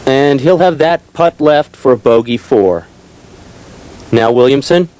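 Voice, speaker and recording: A man giving golf-style play-by-play commentary, describing each shot in a measured, descriptive way. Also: mid-range voice, a little mellow. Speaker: disc golf tournament commentator.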